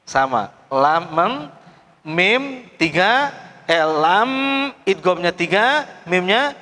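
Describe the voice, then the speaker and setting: A middle-aged man leads a recitation class, calling out letters and coaxing his students to answer loudly. His voice sits a little high for a man and rings with a long reverb, like a hall or mosque. He speaks in a patient, drilling teacher's manner. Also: big pitch swings, extremely slow. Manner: drills students call-and-response, coaxing them to read loudly. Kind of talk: classroom tajwid lesson.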